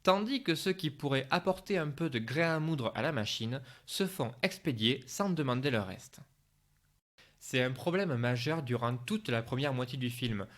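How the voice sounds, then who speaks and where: A man's voice: mid-range voice, fairly bright tone. A man reading a scripted film review as a voice-over narration.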